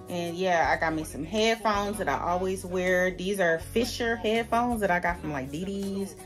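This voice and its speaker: Chatty Southern woman vlogging at home. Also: medium pitch. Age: 30s. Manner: chatty, playful, talks straight to viewers. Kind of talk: casual vlog chat to camera. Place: home bedroom.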